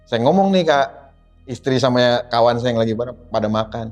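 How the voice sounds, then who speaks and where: A man, a guest recounting a spooky road trip in a lively, dramatic way, acting out the voices of people in his story. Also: medium pitch, fairly quick, soft background music. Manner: lively, dramatic retelling with acted quotes. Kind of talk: telling a horror experience in a podcast.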